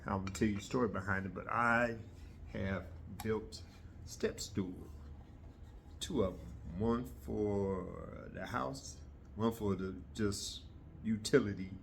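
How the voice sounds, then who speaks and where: A middle-aged man chatting casually to his viewers in a rambling, halting way, often pausing mid-sentence. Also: lowish voice, creaky, a little hiss or hum. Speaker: host of a hobby video channel. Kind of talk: casual rambling vlog chat.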